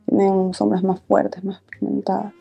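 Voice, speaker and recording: A woman vlogger speaks in a soft, hushed, intimate way, as if keeping her volume down. Her voice is mellow with plenty of gentle creak. She chats casually through a beauty routine over faint background music. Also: medium pitch, completely flat delivery, a little slow, lo-fi sound. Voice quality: soft-spoken. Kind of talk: casual get-ready-with-me makeup chat. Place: small indoor room, filming setup.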